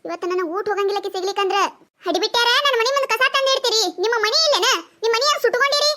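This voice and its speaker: A woman voicing a loud, quarrelsome young village wife in a cartoon, ranting and scolding in a North Karnataka Kannada accent. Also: very fast, noisy background. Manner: shrill scolding rant. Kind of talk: cartoon voice acting.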